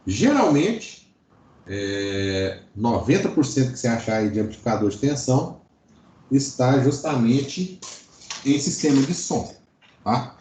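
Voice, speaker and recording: The lecturer, a Brazilian electronics teacher, talks unhurriedly in a warm mid-range voice with big pitch swings over slight background noise. His informal online class is full of explanations and short check-in tags, recorded with a roomy echo.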